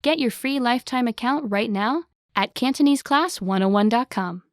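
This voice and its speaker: An upbeat woman reads a scripted promo in a brisk, salesy tone. Her voice sits a little high. The recording is dry and close, with no room sound. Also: animated, no room sound. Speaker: ad announcer.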